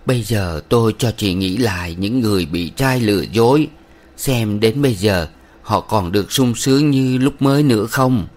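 A preachy middle-aged village matron, as a male narrator puts her on, pitched a little above his low voice and a touch louder. She lectures in a sweetly stern, moralizing way. It is an audiobook reading of a novel. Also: normal speed, lightly acted. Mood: lecturing.

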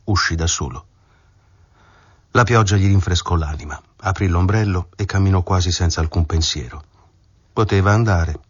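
A male narrator reads a novel in a calm, measured way. His voice is very low and husky. The recording is dry and a little dull, with no room sound. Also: no room sound. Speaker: audiobook narrator. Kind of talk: scripted literary narration.

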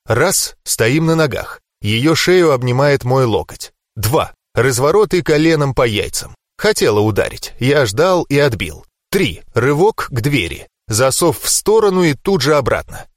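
A man's voice: mid-range voice, very animated, unhurried, dry recording, clean studio sound. A man narrating a first-person audiobook with a tense, dramatic delivery.

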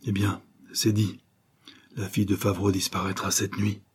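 A man's voice: medium pitch, normal speed, mellow, breathy edge, close to an everyday voice. Man playing a fearful, weak-willed thief. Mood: dejected. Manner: anxious, pleading.

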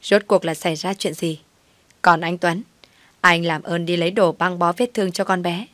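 Audiobook: a woman playing a fussy middle-aged mother-in-law, shrill and bossy, in a low voice with a dry sound. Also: steady tone, normal speed, a bit bright, no room sound, natural voice. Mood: scolding.

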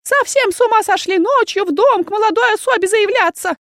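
Woman reader doing a shrill, fussy old aunt for an audiobook, high squeaky scolding, dry close sound. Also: normal speed, a bit bright, dry recording. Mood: indignant.

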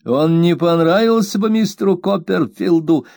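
A man's voice: high-pitched, expressive, moderate pace, creaky, a little mellow, dry recording, studio quality, pitched above the performer's own voice. A man voicing a blunt, stubborn, loyal woman servant in an audiobook reading. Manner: blunt, insistent.

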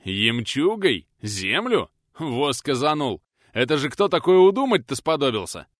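A man doing Milovan, a gruff bearded ex-outlaw. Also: lowish voice, big pitch swings, normal speed, bright, forceful tone, no room sound. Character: bearded former outlaw, pious, gruff, stubborn.

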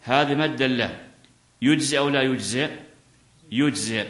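Teacher in an echoey room, questioning. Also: male voice, mid-range voice, fairly quick, fairly bright tone. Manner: reads a passage then explains it with rhetorical questions and answers. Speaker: teacher of Islamic jurisprudence. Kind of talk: lecture explaining a classical text.

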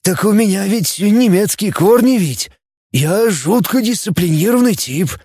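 A man's voice: high voice, expressive, unhurried, darkish tone, husky, no room sound, clean studio sound, pitched above the performer's own voice, heavily acted. A man reading an audiobook, voicing a timid, hesitant grown man.

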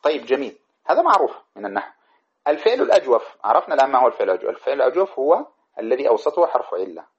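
A man's voice: medium pitch, sing-song, very fast. A man teaching a lesson on a grammar poem, reciting verses and then explaining them with many examples. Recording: dull lo-fi recording.

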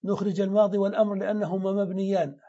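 A man's voice: high-pitched, flat delivery, rapid-fire, dark tone, dull audio. A man teaching grammar in a classroom lesson, explaining step by step and answering his own questions.

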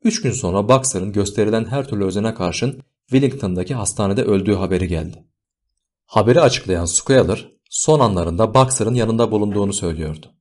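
A man reading an audiobook novel aloud in scripted, measured narration. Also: on the low side, darkish tone.

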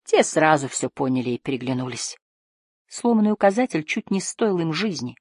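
Audiobook narrator, woman, lowish husky voice, dry close sound. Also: moderate pace, dry recording. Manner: steady storytelling. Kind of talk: scripted narration.

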